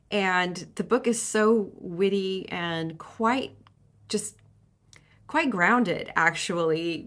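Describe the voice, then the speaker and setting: A woman chatting casually about books she has been reading, with many fillers, restarts and frequent laughs. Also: mid-range voice. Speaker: book vlogger. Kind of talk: casual book chat.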